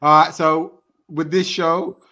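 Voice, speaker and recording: A London man with a fairly high, bright, forceful voice hosts a casual football fan chat. He talks in slangy, matey banter and needles his guests like one of the lads. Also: flat delivery, takes it slowly. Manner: slangy, matey, needling, calling people bro. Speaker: football fan talk show host.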